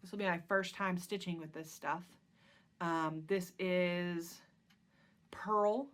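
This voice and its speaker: A woman with a slightly low voice talks through her stitching projects in a loose, rambling show-and-tell. She fills the gaps with ums and restarts her sentences as she goes, like a relaxed chat at home. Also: slow pace. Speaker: cross-stitch vlog host.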